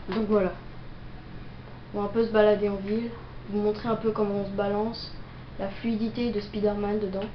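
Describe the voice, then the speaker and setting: She's a young woman with a cold, coughing now and then while improvising commentary for a gameplay video, stumbling through fillers. Medium in pitch and level in tone, she talks at normal speed but leaves long pauses. The recording is lo-fi, dull, roomy and noisy.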